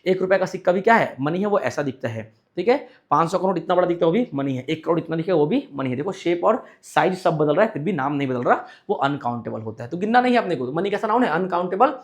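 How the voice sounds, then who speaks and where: Man, fairly high voice, English teacher, exam-prep lesson, asks and answers his own questions, reads sentences slowly. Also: animated.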